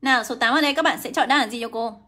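Brisk, bright-voiced woman English teacher. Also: on the high side. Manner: brisk, coaxing, greets viewers by name. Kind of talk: livestream lesson.

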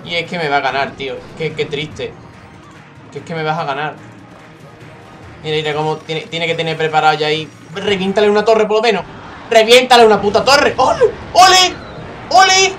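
A young man from commenting live on his own mobile game match, swearing freely, shouting when things get tense and talking to his viewers directly. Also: fairly high pitch. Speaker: gaming YouTuber. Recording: game music behind the voice.

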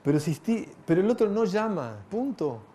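A man's voice: sits high, very animated, normal speed, mellow. A middle-aged man gives a reflective spiritual talk to an audience. He poses rhetorical questions and adds touches of light humor. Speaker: spiritual lecturer.

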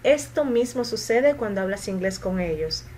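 A woman teaching English pronunciation, repeating model sentences slowly and clearly, then translating and giving advice. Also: mid-range voice, lively intonation, darkish tone, slight background noise, low-quality recording. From Latin America. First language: Spanish. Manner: slow, deliberate, clearly articulated model sentences. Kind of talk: pronunciation lesson with slow repetition and translation.

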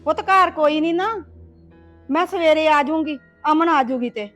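A woman's voice: high voice, moderate pace, a bit bright, soft background music. An actress playing an anxious village mother, sighing and pleading as she comforts her crying daughter. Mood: anxious comforting. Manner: wailing sighs, pleading and comforting. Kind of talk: web series acting.

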